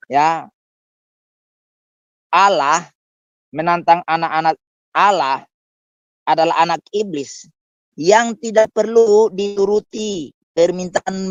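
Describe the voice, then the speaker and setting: A man who is a pastor, talking in a scornful, preachy way on a talk show and jumping up in pitch to stress a point. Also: no echo. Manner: scornful, with sudden pitch jumps for emphasis. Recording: dull dry lo-fi recording.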